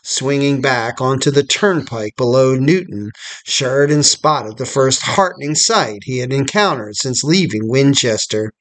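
A man reading a scripted history documentary narration in a measured storytelling manner. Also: mid-range voice, fairly bright tone.

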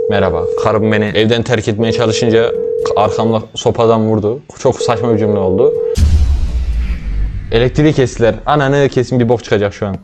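A young man rattles off quick, joking let's-play commentary, swearing freely and talking straight to his viewers. His pitch sits in an ordinary middle range, and soft music runs underneath. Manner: jokey, swears a lot, talks to chat. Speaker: streamer playing a girlfriend simulator game.

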